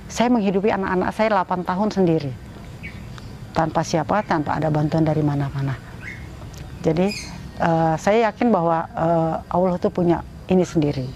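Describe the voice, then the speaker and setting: A woman's voice: moderate pace, warm tone, lo-fi sound, a little hiss or hum. Emotional middle-aged woman telling her story. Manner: emotional, rising pitch when moved. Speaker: interviewee. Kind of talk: personal testimony interview.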